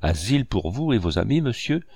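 Gentle painter, read by a man, mild and polite, low voice, dry sound. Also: very animated, brisk, breathy edge, no echo, heavily acted. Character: gentle, surprised older painter.

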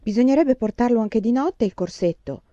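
A woman's voice: fairly high pitch, expressive, moderate pace, warm tone, no echo, muffled recording, pitched above the performer's own voice, lightly acted. A woman reading the part of a firm, old-fashioned mother in a storybook, speaking in a matter-of-fact way.

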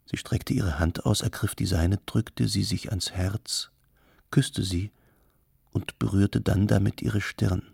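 A man narrating an audiobook in a calm, measured storytelling manner. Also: fairly low pitch, gravelly, breathy edge, no echo, studio quality. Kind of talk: scripted narration.

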